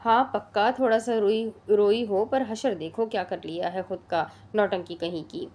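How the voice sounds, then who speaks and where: A woman's voice: mid-range voice, steady tone, natural voice. A woman reading the part of a hot-tempered young man who speaks sternly and in clipped lines. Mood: gruff. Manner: stern and clipped, softening when she cries.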